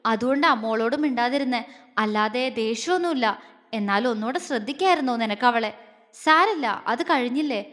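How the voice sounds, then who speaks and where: A gentle, affectionate young man who soothes and reassures, as a woman narrator puts him on. The voice stays high. A long reverb trails behind it. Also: expressive, normal speed. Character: gentle caring older-brother type young man.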